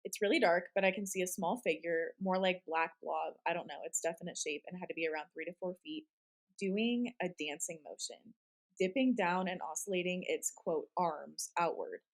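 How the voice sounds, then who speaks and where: A woman's voice: fairly low pitch, moderate pace, low-quality recording. Chatty woman co-host reading spooky stories. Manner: chatty, giggly, reactive. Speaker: podcast co-host. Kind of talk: casual chat and reading listener-submitted scary stories.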